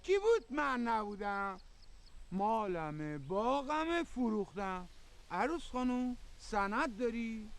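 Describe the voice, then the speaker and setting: A scornful, taunting uncle. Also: male voice, very high voice, a bit bright, full character voice. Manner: taunting, sarcastic, mocking. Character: scornful uncle who taunts his niece. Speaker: the woman's uncle. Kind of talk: film drama acting.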